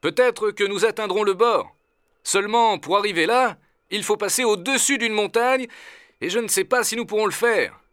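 A man's voice: high voice, normal speed, a bit bright, smooth, no echo, clean studio sound, voice pushed up. A man voicing a decisive male doctor leading an expedition, giving urgent orders, in a storybook reading.

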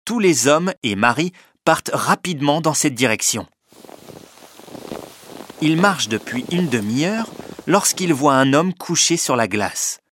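A man reading a story aloud in measured scripted narration, with clear, lifted emphasis at exciting moments. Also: a little high, a little hiss or hum. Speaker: audiobook narrator.

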